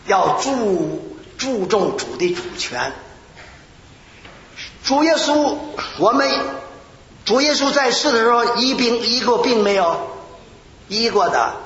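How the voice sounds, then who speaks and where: An older male preacher tells stories from the pulpit in a high voice that leaps across his range. He acts out shouted prayers and laughs along with his own stories. The recording carries long hall reverb, a muffled lo-fi tone and a faint hiss. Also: slow, pauses often. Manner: animated storytelling, acting out shouts and prayers, laughing. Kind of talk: sermon with personal stories. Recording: echoey hall, dull lo-fi sound, faint hiss.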